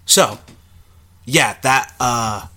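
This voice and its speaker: A man's voice: medium pitch, extremely slow, bright, forceful tone. A young man in casual conversation about a film, thinking aloud with lots of fillers and restarts.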